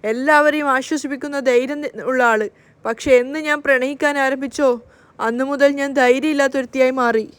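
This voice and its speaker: A woman's voice: sits high, fairly even intonation, no echo, close to an everyday voice. Woman voicing a sobbing young woman pleading. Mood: tearful pleading. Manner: slow, tearful pleading. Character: heartbroken young woman begging her family.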